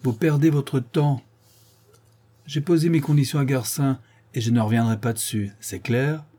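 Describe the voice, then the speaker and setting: A man voicing a stubborn, scornful old male farmer from the countryside in a read-aloud story, with gruff, mocking outbursts. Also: medium pitch, normal speed, warm tone, pitched above the performer's own voice, close to an everyday voice.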